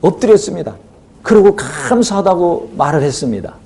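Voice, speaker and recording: Lively high-voiced male pastor preaching. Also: normal speed. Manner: rhetorical questions to the congregation. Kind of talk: sermon.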